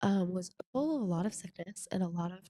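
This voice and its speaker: A woman's voice: on the low side, animated, fast, warm tone, dry recording, studio quality. A young woman co-hosting a podcast, chatting casually with a stuffed-up nose and a rambling, self-correcting way of talking. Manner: chatty, rambling, frequent restarts and laughs. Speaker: podcast co-host. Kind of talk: casual chat.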